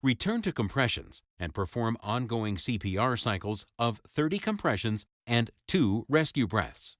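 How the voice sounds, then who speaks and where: A man's voice: mid-range voice, expressive, moderate pace, no echo, clean studio sound. A man reading scripted instructional narration for a first-aid training video, in an emphatic, imperative way. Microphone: close, dry voice-over.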